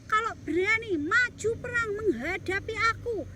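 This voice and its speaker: A woman voicing a boastful male giant warrior who shouts taunts and laughs mockingly in a bedtime story. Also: extremely high pitch, expressive, normal speed, heavy background noise, voice pushed up. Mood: taunting.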